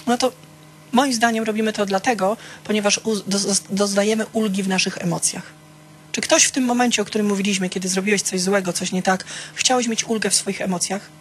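Teaching a small church group, a woman speaks at medium pitch with fairly even intonation and a fairly quick pace, slight background noise present. Conversational throughout, she asks questions, names her listeners, shares candid personal stories and keeps saying "tak?" to check in.

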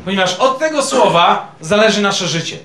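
A man's voice: high-pitched, animated, normal speed, fairly bright tone, slight background noise. A male pastor preaching a sermon in a conversational way, quizzing his congregation with questions. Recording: echoey room.

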